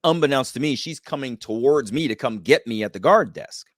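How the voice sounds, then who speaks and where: A man telling a personal story as a podcast guest, lively and acting out the voices of the people in it. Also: medium pitch, brisk, no room sound, clean studio sound. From United States. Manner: animated, acts out quoted voices. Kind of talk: storytelling in a casual interview.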